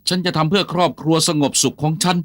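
A man's voice: on the high side, fairly even intonation, quick pace, a bit bright, dry recording, clean studio sound, natural voice. A man voicing a flustered, henpecked husband who stammers and pleads while confessing to his wife, for a fan dub of a comedy film. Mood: pleading.

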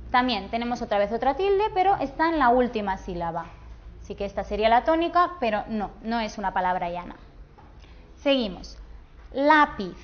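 A woman teacher with a Peninsular Spanish accent gives a classroom grammar lesson in a fairly high voice. She draws out each example word slowly and clearly. The sound is dull and lo-fi. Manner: slow, clear, drawn-out pronunciation of example words.

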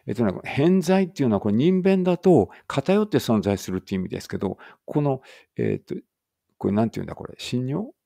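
A man teaching an English read-aloud lesson in casual speech, thinking aloud and correcting himself, and reading the English lines slowly and carefully. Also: medium pitch, sing-song, creaky, warm tone, no room sound.

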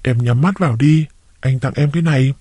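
A man reading a story aloud, voicing a calm, stern police officer husband. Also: mid-range voice, a little fast, slightly rough, no room sound, natural voice.

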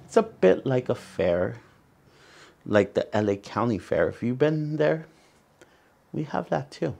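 His delivery is sing-song and unhurried, medium in pitch, a little mellow, with vocal fry. The speaker, a forties-aged man from San Salvador, El Salvador, with a Salvadoran accent, reads a picture book aloud and explains it to children during a storytime in an indoor room with a wooden backdrop.

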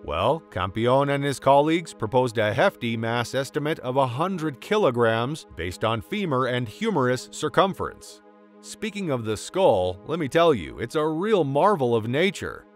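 A man's voice: medium pitch, sing-song, moderate pace. A man reading scripted nature documentary narration with a dramatic, theatrical storytelling delivery. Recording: music behind the voice. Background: background music.

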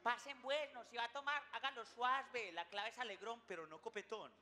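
A man's voice: very high voice, moderate pace, bright, forceful tone. A man hosting a comedy show, delivering a playful, slang-heavy stand-up monologue. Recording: noisy recording.

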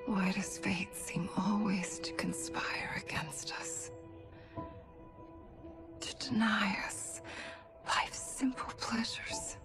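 An actress playing a regal, heartfelt warrior empress in a video game, earnest and softly dramatic. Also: female voice, medium pitch, takes it slowly, long pauses, in a whisper, over music, lightly acted. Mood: wistful. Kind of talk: video game cutscene acting.

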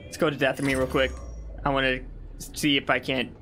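Young male let's-play host, mid-pitched, gravelly edges, casual self-talk over game music. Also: fairly quick. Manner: relaxed, talks to himself as he plays. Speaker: gaming channel host.

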